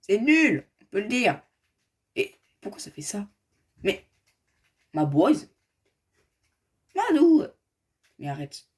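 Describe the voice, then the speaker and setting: A man's voice: sits high, lively intonation, a little slow, pauses often. A man giving casual game commentary as a gaming youtuber, chatty and rambling, talking straight to his viewers.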